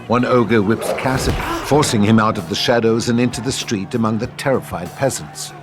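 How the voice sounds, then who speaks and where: Fairly quick and fairly low-voiced, a man narrates scene directions from a script in a scripted reading style, while music plays clearly behind him.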